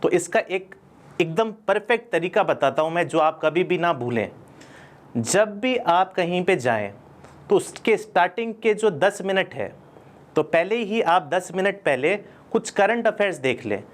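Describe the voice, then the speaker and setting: High-voiced Indian man teaching a lesson. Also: sing-song, measured pace. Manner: explains step by step, asks and answers his own questions. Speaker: spoken English teacher. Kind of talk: classroom lesson in Hindi.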